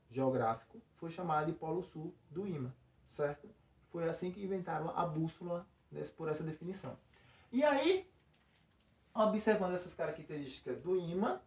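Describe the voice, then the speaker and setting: Male teacher at the board, mic far off, dull roomy sound, keeps checking in. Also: high-pitched. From Brazil. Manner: explains with frequent check-in tags and restarts. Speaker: physics teacher. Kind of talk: recorded classroom lesson. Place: classroom by a board.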